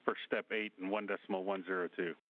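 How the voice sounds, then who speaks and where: A man's voice: sits low, level tone, fast talker, no room sound. Man on tinny space radio. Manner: clipped, procedural phrasing. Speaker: mission control communicator. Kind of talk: procedural space radio call-outs. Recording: narrow, tinny space-to-ground radio link.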